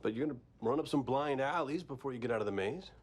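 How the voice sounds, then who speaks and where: A man's voice: mid-range voice, fast talker, close to an everyday voice. A man playing a glib, teasing novelist in a crime drama, with wry, playful banter over music. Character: glib, teasing male novelist tagging along with police. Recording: music behind TV dialogue.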